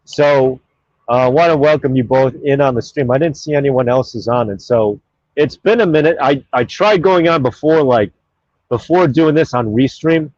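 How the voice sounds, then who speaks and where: Here a streamer rambles casually through his broadcast at a moderate pace, reading viewer comments aloud, hopping between topics, and filling gaps with plenty of fillers. His middling-pitched voice sounds a little mellow over dull, lo-fi audio with no room echo.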